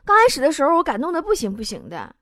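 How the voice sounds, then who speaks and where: High lively woman telling jokes. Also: rapid-fire, no echo, studio quality. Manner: wry, self-mocking, chatty. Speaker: host. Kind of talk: comic storytelling monologue.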